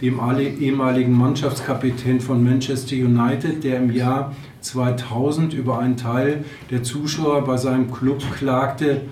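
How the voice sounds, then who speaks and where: A man's voice: medium pitch, little pitch movement, normal speed, a little mellow, a little hiss or hum. A man reading from his book in a bar, with hesitations and fillers, sometimes breaking off into loose asides. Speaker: author giving a reading. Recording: roomy bar, distant mic, faint ambience.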